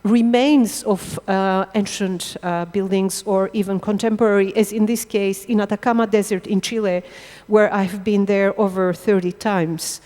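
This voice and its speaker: Middle-aged woman giving a talk in a big echoey hall, smooth clear voice, keeps stopping to find her words. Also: mid-range voice, fairly even intonation, darkish tone. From Israel. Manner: halting, searching for words. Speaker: architectural photographer giving a lecture. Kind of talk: public lecture. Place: lecture hall under stage lights. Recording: long hall reverb.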